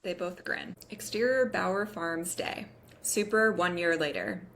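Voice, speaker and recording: A woman with a slightly low, fairly bright voice reads a screenplay's scene headings and action at an unhurried pace. She's the stage directions reader at a table read, with slight background noise.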